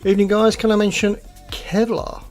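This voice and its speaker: A man's voice: high-pitched, level tone, moderate pace. A man co-hosting a podcast, reading out viewer comments in a jokey, chatty way. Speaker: podcast co-host.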